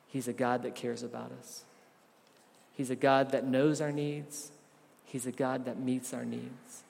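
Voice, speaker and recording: A man preaching a sermon as a pastor, rising to loud emphatic stretches and dropping to soft, low asides. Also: flat delivery, unhurried, gravelly. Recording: long reverb of a large room.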